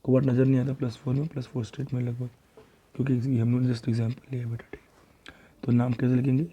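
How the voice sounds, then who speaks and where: A quick, monotone man with a mellow, husky, medium-pitched voice teaches chemistry revision on a lo-fi recording. He steps students through worked examples, calls them beta, and thinks aloud, correcting himself as he goes.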